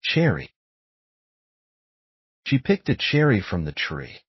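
Slow, deliberate male vocabulary reader. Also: fairly low pitch, huge pitch swings, husky, dry recording, highs cut off. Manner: measured, deliberate enunciation. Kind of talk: slow scripted word-and-sentence reading.

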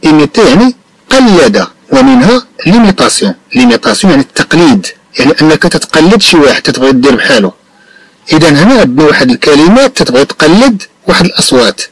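A Moroccan male teacher with a higher voice that rises and falls a lot as he explains. He stretches French phrases out slowly, then rattles off quick explanations, recorded dry and close. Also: sing-song, no echo, rough recording. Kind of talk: bilingual French lesson explained in Moroccan Arabic.

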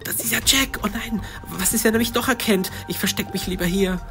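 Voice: mid-range voice, steady tone, fairly quick, music in the background, close to an everyday voice. A performer voicing an anxious young girl detective with asthma, talking breathlessly and stammering in a hurry. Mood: hurried. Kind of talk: storybook narration in first person.

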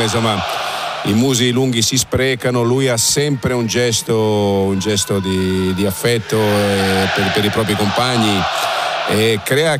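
A man giving unscripted live football analysis as a co-commentator, haltingly and repeating words for emphasis. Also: fairly low pitch. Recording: loud stadium noise behind the voice.

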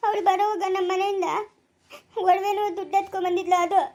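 A woman plays a worried mother in a home-made family drama, pleading in a tearful way. The voice is very high and mellow, and it carries a rural Karnataka accent. She speaks quickly. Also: little pitch movement. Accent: rural Karnataka Kannada.

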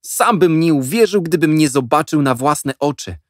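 A man voicing an excited schoolboy who is eager to share his news and pleads with his friends to listen. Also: a little high, moderate pace, no echo, studio quality, pitched above the performer's own voice, lightly acted.

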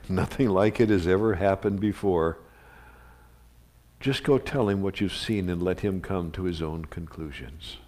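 Pastor, male, lowish voice, conversational storytelling sermon from a church livestream. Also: measured pace, a little mellow. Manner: conversational storytelling with asides and chuckles. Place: church sanctuary. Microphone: livestream recording of a live service.

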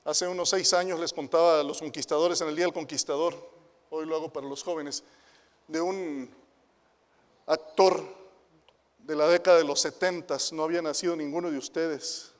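A man with a Mexican accent preaching a sermon to young people. He asks rhetorical questions and swings between hushed asides and loud, emphatic declarations. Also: fairly high pitch, fairly even intonation, normal speed, long reverb tail. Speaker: pastor and youth director.

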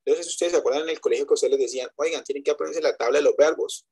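A man with a fairly high, darkish, slightly rough voice races through an online English class over web conference. He explains step by step in Spanish, switches to English for examples, and checks often that students are following.

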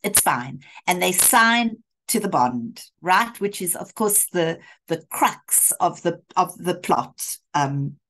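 A woman's voice: on the low side, lively intonation, fairly bright tone, a little hiss or hum. A woman literature lecturer giving a talk over a video call, reading and acting out passages of a play in between her explanations. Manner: slow, deliberate, acts out quoted lines. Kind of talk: lecture with dramatic readings of Shakespeare.

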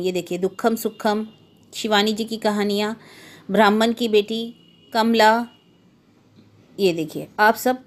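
Woman host introducing her channel. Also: mid-range voice. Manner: chatty, pointing things out to viewers.

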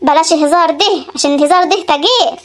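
An actor voices a worried older mother in a cartoon, speaking with an Upper Egyptian accent. She asks question after question in a fretful tone. The voice is shrill-high and hurried. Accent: Upper Egyptian Arabic. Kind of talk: animated comedy voice acting.

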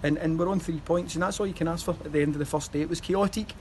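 Here the Scottish manager, in his thirties, speaks quickly in a fairly even, somewhat high voice against a noisy background. He's outdoors by the stadium wall for a post-match interview, rambling along with fillers and restarts.

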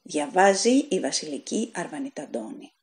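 A woman narrating a short story as an audiobook reader, in a measured, dramatic storytelling manner. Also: low voice, very animated, very noisy. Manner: measured, dramatic storytelling that voices characters' shouts.

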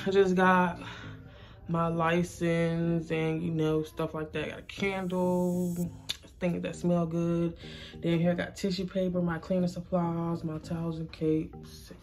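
A woman's voice: on the low side, level tone, unhurried, darkish tone. A young woman who owns a salon suite, casually walking viewers through her small indoor space on a handheld phone and chatting to them as y'all. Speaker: salon suite owner and braider. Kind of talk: casual walkthrough tour. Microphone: handheld phone camera. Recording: music playing behind the voice.

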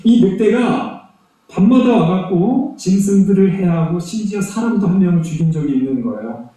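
A man preaches a children's Sunday sermon in a high, mellow voice, and he repeats points with emphatic energy. He is recorded from far off in a church sanctuary with very heavy echo. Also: normal speed. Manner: animated storyteller, emphatic repetition. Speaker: pastor.

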